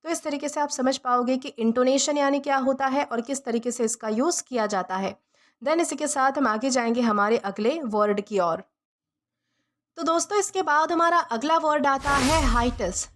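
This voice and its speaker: Woman teacher, high voice, patient step-by-step vocabulary lesson. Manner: repeats and rephrases each meaning patiently. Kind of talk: vocabulary lesson explained in Hindi.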